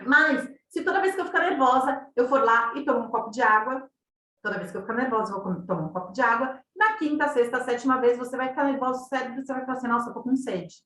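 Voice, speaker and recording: A woman with a Brazilian Portuguese accent teaches an online running class in an easy, chatty way, often ending her points with a question to the listeners. Her voice sits fairly high for a woman. She sounds set back from the microphone in a room with a lot of echo. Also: fast, a bit bright. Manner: conversational, tags sentences with questions, acts out quoted thoughts. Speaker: running coach. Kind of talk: online masterclass talk. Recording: roomy echo, distant from mic.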